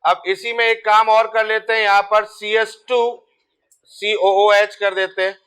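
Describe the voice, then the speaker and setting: Bright, clear-voiced male chemistry teacher. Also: high voice, flat delivery, unhurried. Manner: repeats terms and checks if students follow. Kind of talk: board lecture.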